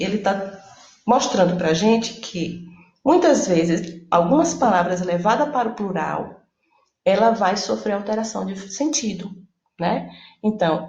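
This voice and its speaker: Portuguese-speaking lady teaching a spanish class, bit of vocal fry, echoey room, keeps checking in with the class. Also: medium pitch, darkish tone, lo-fi sound. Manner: explains step by step, checks with "né?" and "tá bom?". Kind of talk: recorded lesson.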